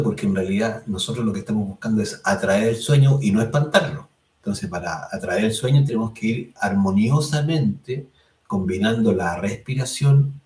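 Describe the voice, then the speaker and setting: A man teaching a lesson on meditation, calm and explanatory, who checks in often with his listeners and draws out chant syllables slowly. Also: fairly low pitch. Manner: calm and explanatory, tags phrases with "¿cierto?". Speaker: spiritual course instructor. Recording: roomy sound, mic at a distance.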